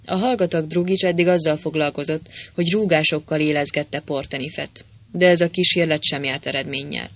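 Man narrating a brisk adventure audiobook. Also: on the high side, fairly even intonation, a bit bright. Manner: brisk storytelling, voices each character. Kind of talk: audiobook reading of an adventure novel.

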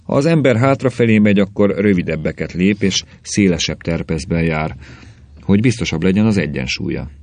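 A man's voice: deep voice, no room sound. A man doing a dry, unflappable police official. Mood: explaining. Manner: matter-of-fact, dry, calmly explaining.

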